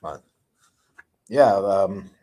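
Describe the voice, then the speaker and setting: Slow, low-voiced man chatting casually. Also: expressive, dark tone. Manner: rambling, chatty storytelling with fillers and groans. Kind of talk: casual chat.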